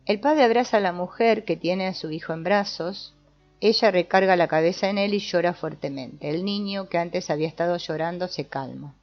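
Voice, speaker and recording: A woman giving a calm, measured scripted narration. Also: on the low side. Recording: dull lo-fi voice-over with soft guitar music.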